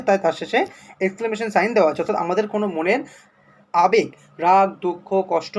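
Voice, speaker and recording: A man's voice: high-pitched, a little hiss or hum. Bengali-accented man teaching punctuation. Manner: reads English examples slowly, then explains in Bengali. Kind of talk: explaining a primary school English lesson.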